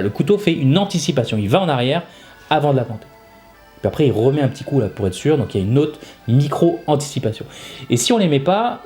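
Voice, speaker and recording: A man's voice: medium pitch, mellow. A man hosting an animation lesson, explaining things in a casual, informal way and often adding little tag words. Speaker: animation teacher and video host.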